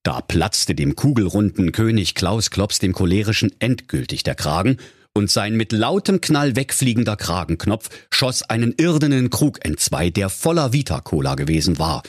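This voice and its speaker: A man's voice: fairly low pitch, big pitch swings, moderate pace, husky, no echo, clean studio sound. Playful male fairy-tale narrator. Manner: mock-solemn, playful. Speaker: storyteller.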